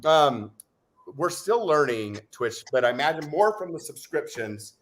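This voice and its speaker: Male livestream host, upbeat and joking, lively high voice, just over covid. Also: measured pace, slight background noise. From Utah. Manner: exuberant, whoops and shouts, jokey. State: recovering from covid. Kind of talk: casual live chat.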